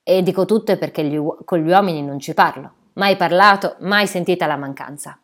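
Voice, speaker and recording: A woman's voice: lowish voice, normal speed, a bit bright. A woman reading a first-person literary story aloud, with a dry, matter-of-fact way of telling it. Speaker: narrator.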